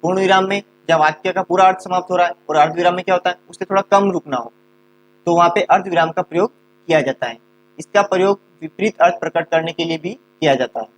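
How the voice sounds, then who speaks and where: A man gives a grammar lesson in a slightly raised voice, going through each point step by step. He often poses a question and then answers it himself. A low mains hum runs under the recording. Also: quick pace. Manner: explains step by step, asks and answers his own questions. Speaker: teacher.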